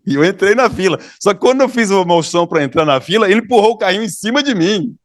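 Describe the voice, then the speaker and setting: Um pastor brasileiro, com sotaque do Brasil, pregando um sermão, contando uma história com animação e dando risadas. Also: male voice, high-pitched, quick pace, dry recording, studio quality. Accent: Brazilian Portuguese. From Brazil. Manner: animated storyteller, laughs often, acts out dialogue. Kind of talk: sermon with storytelling. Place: church hall, dry sound.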